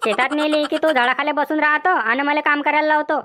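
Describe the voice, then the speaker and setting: A woman's voice: sits high, steady tone, fairly quick, a bit bright. A woman voicing a complaining young village wife in a cartoon comedy, with a rural Vidarbha Marathi accent. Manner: whiny, complaining.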